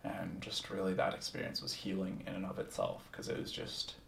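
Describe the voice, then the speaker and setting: A man's voice: sits low, level tone, fairly quick, vocal fry, fairly bright tone, slight background noise. A man telling a personal story in a casual, candid way. He is reflective, swears freely and uses plenty of ums. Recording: echoey room, distant from the mic.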